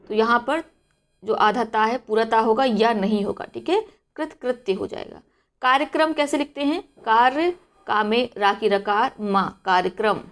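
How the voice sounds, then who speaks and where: A woman teaching exam students, asking questions and then answering them herself as she drills each word. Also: a little high. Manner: repeats questions and drills words aloud. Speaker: Hindi exam-prep teacher. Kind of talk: spelling lesson for exam students.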